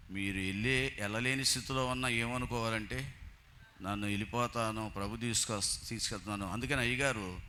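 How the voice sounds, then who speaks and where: Man preaching in a very bright, forceful voice. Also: mid-range voice, slight background noise. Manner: tells anecdotes, acting out the quoted people. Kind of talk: sermon. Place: church.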